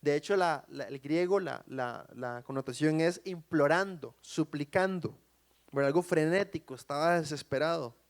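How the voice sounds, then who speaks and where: A man delivering a sermon in an animated, conversational way. He keeps checking in with his listeners as he builds his point. His voice sits a little high. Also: normal speed. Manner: animated, often asks the audience "right?". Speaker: preacher.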